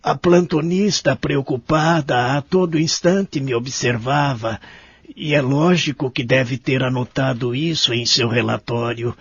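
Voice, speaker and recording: Unhurried and breathy-edged, his medium-pitched voice has a fairly bright tone and no echo. The Brazilian actor voices a lonely, regretful elderly care-home resident recounting his life in an audio drama, in a somber, reflective mood over dull lo-fi audio with background music.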